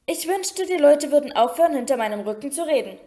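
A self-pitying ghost girl with a high, whining voice, put on by a woman reading aloud. She talks in a tearful complaining tone, all hurt feelings. A storybook figure from an audiobook reading. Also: lively intonation, moderate pace, a little mellow. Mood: whiny.

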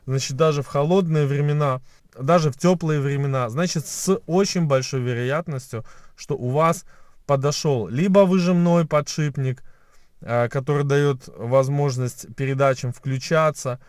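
A man in his thirties with a slightly high voice and a soft, non-rolled r. He explains practical steps as a car vlogger, with pauses to find words. The sound is dry, recorded in a car cabin. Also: dry recording. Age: 30s. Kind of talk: explanatory how-to vlog talk. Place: inside a parked car at night. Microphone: camera at arm's length.

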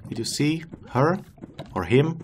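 A non-native English-speaking man hosts a let's-play, chatting casually about his gameplay, talking to the game's animals and laughing at himself. His voice is a little high and expressive, at a measured pace. There's a little hiss or hum in the recording.

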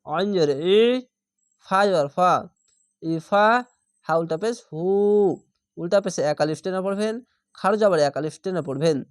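This step-by-step recitation lesson features a man teaching Quran reading at normal speed, pausing often, his voice sitting high. He spells each letter and syllable, repeats the sounds, and lengthens the vowels before blending them into words, all in clean studio sound without room sound.

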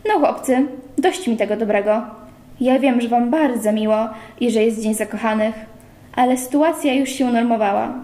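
A woman's voice: fairly high pitch, moderate pace, mellow, natural voice. A woman reading the lines of a pompous, mock-gallant young man in a roomy space. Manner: wordy, mock-gallant lecturing. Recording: roomy echo.

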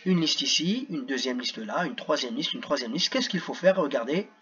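A man's voice: a little high, lively intonation, normal speed, a bit bright, muffled recording, a little hiss or hum. A man teaching young children at a computer, sounding out words syllable by syllable. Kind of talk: screen-recorded lesson for children.

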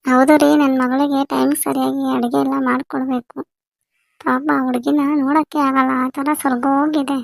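A woman's voice: high-pitched, level tone, normal speed, creaky. A woman playing a doting village mother who fusses over her daughter in a family skit. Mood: fussing. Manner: fussy, insistent.

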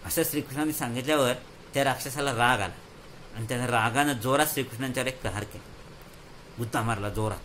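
A man telling a moral story to children, lively and explaining, often repeating words for effect. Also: mid-range voice, fast, a little hiss or hum, low-quality recording.

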